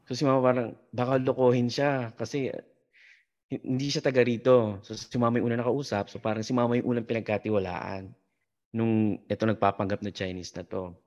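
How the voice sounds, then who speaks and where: A man, a podcast guest, telling a story in casual talk, halting and full of fillers and restarts. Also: medium pitch, level tone, darkish tone, lo-fi sound.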